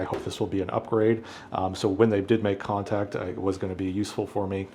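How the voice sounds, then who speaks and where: A middle-aged AV professional hosts an unboxing video, speaking casually and without a script as he thinks out loud. His voice is lowish and dark, with slight background noise.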